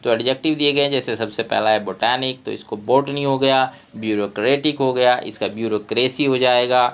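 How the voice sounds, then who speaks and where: A man with an Indian English accent, a tutor who slowly reads out textbook exercises and explains them. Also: medium pitch, steady tone, a bit bright, clean tone. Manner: slow, deliberate reading of English prompts, explains in Hindi.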